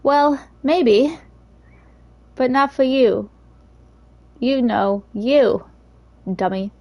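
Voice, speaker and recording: Woman doing a bratty tsundere teen girl, huffy, a bit high, kinda gravelly. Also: very slow, a little mellow, exaggerated voice. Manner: huffy, defensive.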